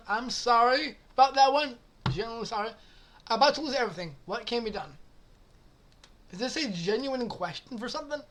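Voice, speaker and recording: A woman hosting a casual reaction commentary on forum posts, crude and profane, laughing often and apologizing as she goes. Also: fairly high pitch. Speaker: channel host reading forum posts.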